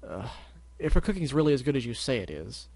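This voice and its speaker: A man voicing a weary, earnest, bookish male pony in a storybook reading, measured and a little grumbling. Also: mid-range voice, big pitch swings, vocal fry, darkish tone, dry recording. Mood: grudging.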